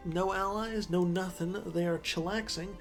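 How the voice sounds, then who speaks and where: He talks at a moderate pace in a high, steady voice while faint music runs underneath. His strategy-game commentary is chatty and meandering, full of self-corrections, and he sounds congested.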